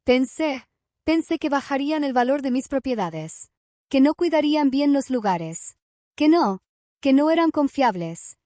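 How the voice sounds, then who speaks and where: Woman reads a hoarse, weak, ashamed old man in a storybook; high voice. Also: lively intonation, measured pace, dark tone, dry recording, clean studio sound. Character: weak, ashamed older wealthy man in hospital bed.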